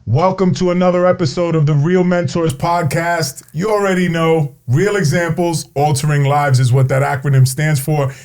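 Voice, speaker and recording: A man from the Bronx hosting a podcast interview, enthusiastic and quick with shout-outs. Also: on the high side, steady tone. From the Bronx, New York. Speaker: podcast host. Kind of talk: conversational interview.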